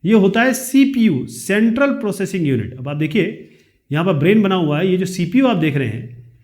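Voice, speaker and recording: A man, teaching a lesson. He reads each question slowly, then explains the answer in quick chat. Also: high-pitched, sing-song, darkish tone.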